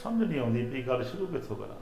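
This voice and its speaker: An older man playing a village father-in-law in a family short film, emotional with his daughter-in-law and loud when he scolds. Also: mid-range voice, sing-song, racing, vocal fry, reverberant, slight background noise. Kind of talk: rural family drama acting.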